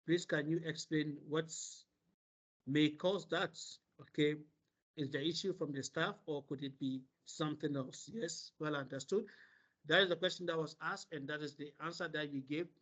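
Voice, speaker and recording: A man moderating an online seminar over a video call, relaying questions and explaining in a halting way with many pauses. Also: fairly high pitch, fairly even intonation, a bit bright. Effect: heard over a video call. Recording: dull lo-fi meeting audio.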